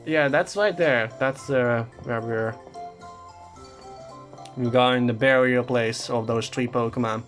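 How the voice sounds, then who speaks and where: A man's voice: medium pitch, steady tone, takes it slowly, pauses often, fairly bright tone, faint music behind. A man giving casual gameplay commentary, talking in a hesitant, stumbling way with many fillers and restarts. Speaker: let's play gamer.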